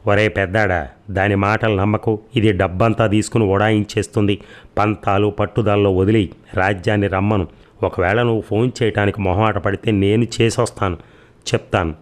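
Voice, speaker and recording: A man's voice: on the low side, steady tone, normal speed, lightly acted. A man voicing an elderly mother who scolds and pleads with her son, read in an audiobook story.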